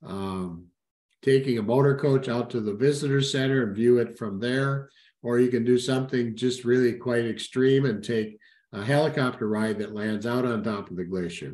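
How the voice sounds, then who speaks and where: A man's voice: medium pitch, darkish tone. A middle-aged man, a cruise sales representative, talks through slides in an informal webinar, with many "uh" fillers and self-corrections. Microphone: webcam at a desk, video call. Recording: roomy webinar audio.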